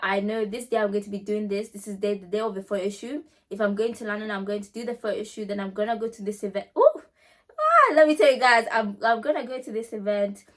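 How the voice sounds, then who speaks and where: A woman with a mid-pitched voice talks casually to her audience as a vlog host. She addresses listeners directly and leans on repeated phrases to drive her points home, in an emphatic, conversational style. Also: fairly even intonation, fast, few pauses. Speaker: pageant winner and vlog host answering questions. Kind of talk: casual chatty Q&A talk to viewers.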